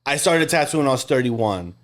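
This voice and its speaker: A man's voice: mid-range voice, lively intonation, brisk. A man in his thirties, a tattoo artist talking as a podcast guest in a laid-back, slangy way. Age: 30s. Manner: laid-back slangy talk, says bro often. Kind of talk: casual chat.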